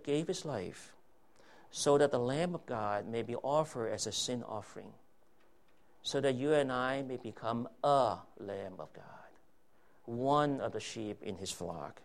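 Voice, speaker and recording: Gravelly man preaching with emphasis. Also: medium pitch. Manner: emphatic preaching with rhetorical questions, drawn-out stressed phrases. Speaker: pastor. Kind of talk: sermon.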